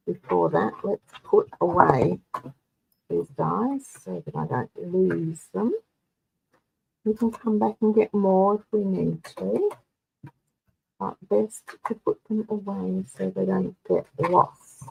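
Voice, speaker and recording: A woman's voice: mid-range voice, vocal fry, dull audio, slight background noise. A woman running a live card-making tutorial, chatting through each step for her viewers. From Australia.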